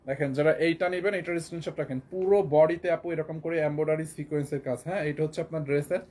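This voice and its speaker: Fast-talking hoarse man selling clothes. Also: on the high side, fairly even intonation, darkish tone. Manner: repetitive, coaxing, calls viewers "apu". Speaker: clothing seller. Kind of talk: live online sales pitch.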